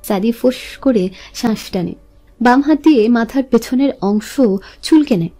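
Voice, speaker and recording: A woman narrates a romance in a smooth, steady reading voice. Her tone is high and mellow. Soft music plays under the narration. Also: normal speed. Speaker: storyteller.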